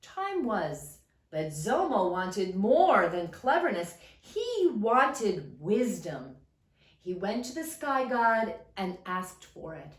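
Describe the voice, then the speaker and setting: A woman storyteller reading a children's trickster tale with dramatic, expressive emphasis. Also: mid-range voice, takes it slowly. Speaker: storyteller reading a picture book. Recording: roomy echo, mic at a distance.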